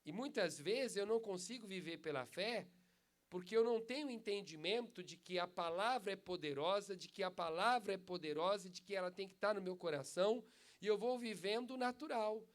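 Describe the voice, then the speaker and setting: A man with a Brazilian Portuguese accent delivers a sermon in a high, bright-sounding voice. He preaches emphatically and keeps the congregation engaged with rhetorical questions. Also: fairly quick.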